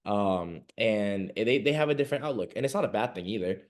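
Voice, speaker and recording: Speaking a little fast in a fairly low, expressive voice, this young Venezuelan man is a podcast guest in a casual interview chat. He tends to ramble, laughing often and using many fillers.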